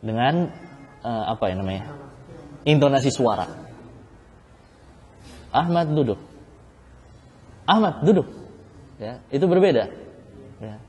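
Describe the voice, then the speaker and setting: A man's voice: medium pitch, animated, unhurried, pauses often, darkish tone. Man teaching in a reverberant hall. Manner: explains by repeating key phrases, asks the class questions. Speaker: Islamic studies teacher. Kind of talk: classroom lecture on legal theory.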